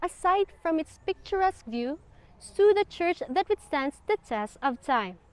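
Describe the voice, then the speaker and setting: A young woman presents to camera in a bright, high voice. Her delivery is upbeat and practiced, and a lapel mic picks her up clearly around an old stone church and its grounds. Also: sing-song, measured pace. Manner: cheerful, upbeat delivery of a memorized script. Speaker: program host.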